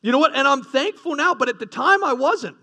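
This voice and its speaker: A man preaching a sermon in a high, gravelly voice. He speaks with a bright, cutting edge and keeps firing rhetorical questions at his listeners. He often restarts and repeats his phrases. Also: lively intonation, brisk. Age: adult, past his teens. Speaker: pastor.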